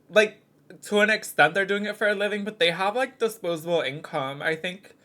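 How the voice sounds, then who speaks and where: A man's voice: fairly high pitch, sharp tone. A man streaming live and commenting on a video in a rambling way, full of "like" fillers.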